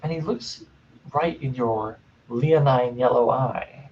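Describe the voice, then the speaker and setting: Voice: mid-range voice, slow, distant mic. A game master improvising tabletop game narration in a playful, digressive, casual way. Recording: dull webcam audio with some noise.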